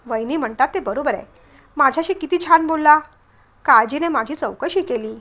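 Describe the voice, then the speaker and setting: A woman reading a calm, reasoning older man. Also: high-pitched, normal speed. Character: mild-mannered older man, calming friend of the family.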